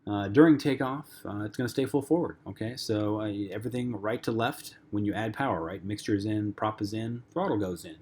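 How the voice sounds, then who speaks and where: Casual, low-voiced male flight instructor. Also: a little fast, hardly any pauses, a little mellow, slightly rough. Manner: casual, conversational, frequent ums and uhs. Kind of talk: lecture-style flight lesson.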